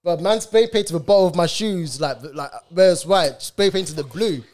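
A young man with a London accent telling casual stories in heavy slang, in a halting, stop-start way. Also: sits high, a little mellow. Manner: slangy, halting storytelling with filler tags. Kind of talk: casual anecdote-telling banter.

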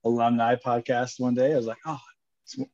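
Guest: man, 30s, upbeat and jokey, mid-pitched, slightly dull lo-fi recording. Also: level tone, a little fast, dark tone. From Canada. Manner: upbeat, joking, laughs often. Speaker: guest entrepreneur. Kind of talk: casual interview chat. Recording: dull lo-fi sound.

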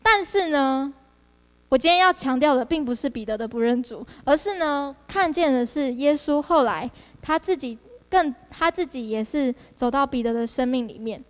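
A long reverb tail trails her high-pitched voice as she preaches at a moderate pace. She's a young district leader at a youth service, animated and forever asking the audience rhetorical questions.

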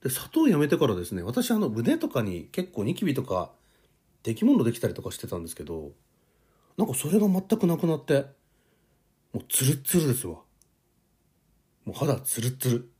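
A man's voice: mid-range voice, huge pitch swings, fairly quick, pauses often, warm tone, husky. A man in his forties hosting a solo podcast, chatting in a loose, easygoing, self-deprecating way about his own life. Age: 40s. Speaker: podcast host. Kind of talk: rambling solo podcast chat.

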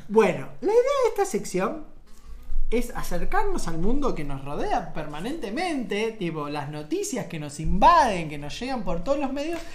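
A woman's voice: medium pitch, moderate pace, faint music behind. A woman with an Argentine accent hosting a radio show, chatting casually and reading out listener messages. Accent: Rioplatense Argentine Spanish. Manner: lively, reads out listener messages. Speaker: radio host.

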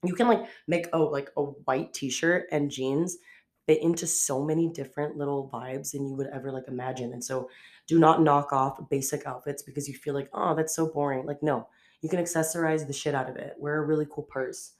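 A young woman hosting her own podcast, chatting casually and quickly and peppering her talk with "like". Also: low voice, fairly even intonation, a little mellow. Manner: chatty, fast, heavy use of "like". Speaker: podcast host. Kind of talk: casual solo podcast chat.

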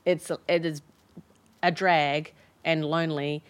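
This is a woman with a somewhat low voice, taking part in a relaxed panel discussion. She is an executive and speaks in a reflective way, working her thoughts out aloud. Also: takes it slowly, clean tone. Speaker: company executive.

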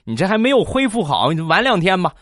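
A man's voice: high voice, sing-song, fast, a bit bright, no echo, clean studio sound, voice pushed up. A man voicing a bossy wife who insists and nags in a comedy routine. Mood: insistent. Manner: insistent, nagging.

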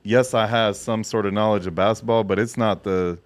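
A man's voice: on the low side, steady tone, fairly quick, a crowd in the background. A man hosting a casual interview chat in a slangy, bro-style way. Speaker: podcast host.

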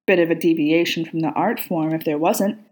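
A woman's voice: deep voice, a little fast, darkish tone, lightly acted, poor audio. A woman voicing a grumpy, sardonic male demon who grumbles and argues. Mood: arguing. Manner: grumbling, argumentative.

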